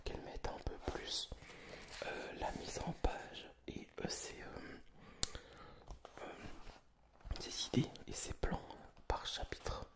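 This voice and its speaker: A man whispering in a hushed, breathy library whisper, chatting informally and hesitantly about things in ASMR style. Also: slow pace, pauses often. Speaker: ASMR video creator. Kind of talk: whispered ASMR book chat.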